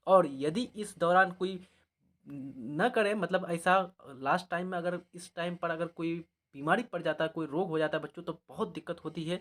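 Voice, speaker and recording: A man giving exam advice to students as a teacher, often pausing to check in and calling them children. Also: a little high, fairly bright tone. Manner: repetitive, often checks in with "all right" and calls the students "children".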